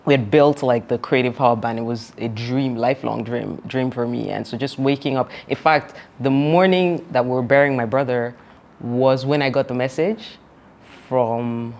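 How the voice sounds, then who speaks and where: A Nigerian woman who founded a company is being interviewed, and she reflects on her experiences in a very deep, somewhat mellow voice at a normal pace. She's earnest, laughs a lot, and fills gaps with "like" and "you know."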